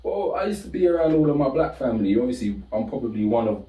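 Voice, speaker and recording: A young British man talks casually on a podcast, animated and full of slang, his voice leaping up when he retells stories. The tone is mellow. He sits back from the mic in a roomy space. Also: mid-range voice, fast, distant mic, slight background noise. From Britain. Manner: animated, heavy slang, rises sharply when telling stories. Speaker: podcast co-host. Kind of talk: casual chat.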